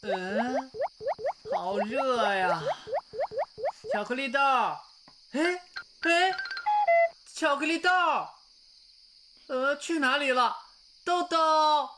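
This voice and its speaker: A woman voicing an excitable, friendly little candy character in a children's cartoon, childlike and full of exclamations. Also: sits high. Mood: puzzled, searching. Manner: childlike, exclamatory, drawn-out words. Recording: loud music behind the voice.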